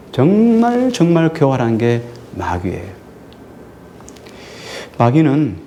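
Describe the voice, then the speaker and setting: In a church sanctuary, a male pastor preaches to his congregation, posing questions and answering them himself while slowly drawing out key words for emphasis. His voice is mid-range and mellow, with slight background noise.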